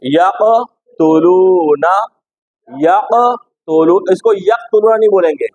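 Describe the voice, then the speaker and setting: A man's voice: high voice, slow, a little mellow, no room sound, muffled recording. A man teaching a class how to recite words correctly, repeating each word many times and correcting his students. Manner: asks the class questions and corrects them. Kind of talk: classroom tajweed lesson.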